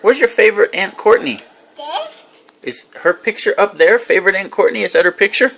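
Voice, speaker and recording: A woman's voice: mid-range voice, fairly quick, creaky, a bit bright. A woman playing with a toddler in a home kitchen, coaxing him with simple questions and animal sounds in a sing-song baby-talk voice.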